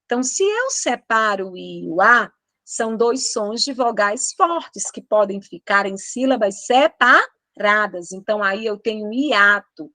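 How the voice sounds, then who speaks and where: A woman's voice: mid-range voice, expressive, a little slow, bright, forceful tone, dry recording, clean studio sound. A Brazilian woman teaching Portuguese in an online exam-prep lesson, emphatic, drawing out her example words.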